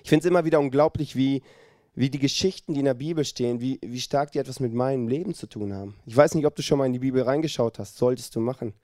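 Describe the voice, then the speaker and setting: A pastor preaching a lively sermon and speaking directly to his listeners. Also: medium pitch, fast talker, no room sound, studio quality.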